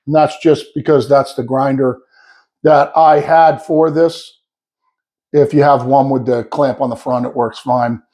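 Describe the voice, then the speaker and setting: A man's voice: medium pitch, fairly even intonation, unhurried, mellow. A man giving a casual workshop demo of his sharpening setup, explaining step by step in a plain-spoken way. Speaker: sawmill owner showing his setup. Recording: echoey, mics off.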